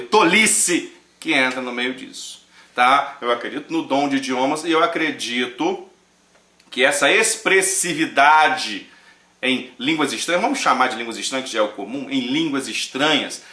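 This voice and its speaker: Animated Brazilian preacher, bright echoey voice. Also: male voice, medium pitch. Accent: Brazilian Portuguese. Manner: animated, joking, swings between loud and hushed. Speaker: pastor and show host. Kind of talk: casual sermon-style commentary.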